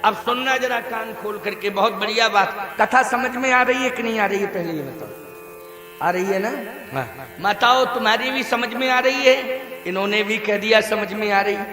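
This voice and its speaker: A man's voice: moderate pace, pushed and bright, soft background music. A male preacher, delivering a scripture sermon to a large gathering, asking the crowd questions for them to answer back. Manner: booming, preaches with call-and-response questions to the crowd. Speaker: religious storyteller. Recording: echoey hall, long reverb.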